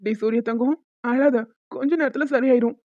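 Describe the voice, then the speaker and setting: A woman voicing a soft-hearted young father in a cartoon, fretful and doting. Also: a little high, steady tone, brisk, dry recording, phone-quality sound, close to an everyday voice. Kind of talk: cartoon voice acting.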